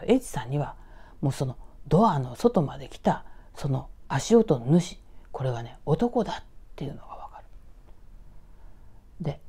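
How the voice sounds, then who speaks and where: Woman, from Tokyo, ghost story teller, very mellow dark voice, lively wide pitch, hushed whispering spells, voiced sound effects. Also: breathy edge. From Tokyo, Japan. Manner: hushed, dramatic, dropping to whispers at tense moments. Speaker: ghost story author and narrator.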